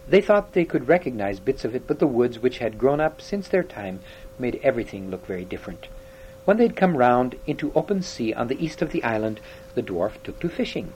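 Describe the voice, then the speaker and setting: A man reading a children's novel aloud in steady, unhurried storytelling, with small slips and restarts. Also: mid-range voice, a little hiss or hum, poor audio. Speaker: audiobook reader.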